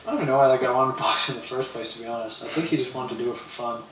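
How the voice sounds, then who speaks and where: A man's voice: mid-range voice, rapid-fire, fairly bright tone, distant mic, a little hiss or hum. A young man streaming, telling a rambling, slangy story in casual chat and quoting people in voices. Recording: roomy, off-mic with faint ambience.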